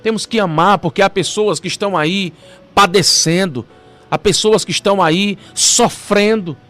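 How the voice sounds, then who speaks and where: A male pastor delivers a sermon. His preaching swings between forceful, climbing emphasis and hushed, stretched-out phrases. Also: sits high, soft background music. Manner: dramatic preaching, rising to emphatic peaks and dropping to soft, slow phrases.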